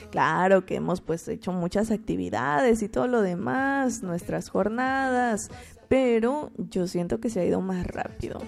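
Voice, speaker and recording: A woman's voice: a little high, gravelly, a little mellow. A young adult woman hosting a morning radio program, giving a reflection on faith, asking her listeners questions and repeating words for emphasis. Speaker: radio host.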